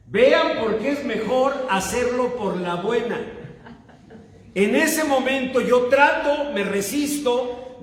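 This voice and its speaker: A middle-aged man with a Mexican accent, a pastor telling a self-mocking, animated story during a sermon. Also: high voice, slight background noise. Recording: echoey hall with long reverb.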